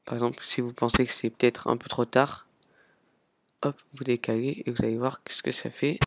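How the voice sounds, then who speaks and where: A man casually hosting a software tutorial, chatting along as he clicks and filling pauses with little "hop" and "voilà" sounds. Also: medium pitch, flat delivery, background noise. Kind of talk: casual screen-recorded tutorial.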